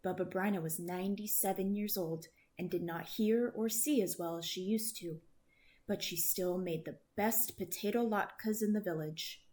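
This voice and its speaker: A woman narrating a children's picture book read-aloud, reading gently and shifting her pace for effect. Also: mid-range voice, normal speed. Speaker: storyteller.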